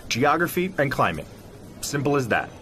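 An audio drama interview, scripted but conversational, features a man as an articulate, self-assured zoologist convinced Sasquatch exists. He explains with confidence in an emphatic, professorial style, his medium-pitched voice fairly bright, swinging widely in pitch at a moderate pace. A little hiss or hum sits under the recording.

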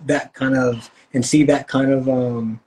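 Young male guest on a video call, casual and rambling, mid-pitched. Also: a little slow, low-quality recording. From Australia. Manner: relaxed, rambling with restarts and fillers. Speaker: guest singer-songwriter. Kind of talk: casual interview chat. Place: indoor room at home.

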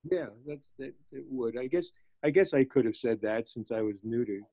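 A man with a warm, soft-edged voice tells a story over a video call. He rambles a little and pauses on fillers as he gathers his thoughts. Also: mid-range voice, expressive. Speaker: small group participant.

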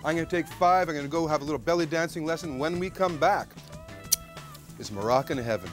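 A man's voice: fairly high pitch, fairly quick, soft background music. A man in his thirties hosting a TV cooking show at an outdoor grill, chatty and joking, often tagging lines with "okay?". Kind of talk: jokey TV cooking demonstration. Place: outdoor backyard grill deck.

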